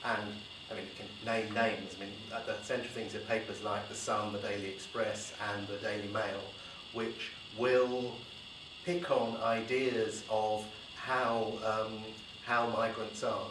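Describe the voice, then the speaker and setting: A man speaking on a discussion panel as a journalist, measured and hesitant with filler words. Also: fairly low pitch, flat delivery. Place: university lecture room. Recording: roomy hall from a distant mic with noise.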